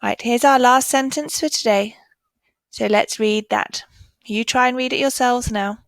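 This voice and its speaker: A woman teaching a phonics lesson to young children, sounding out letters and words slowly and clearly. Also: fairly high pitch, fairly even intonation, fairly bright tone, dry recording, poor audio. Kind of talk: primary school phonics lesson.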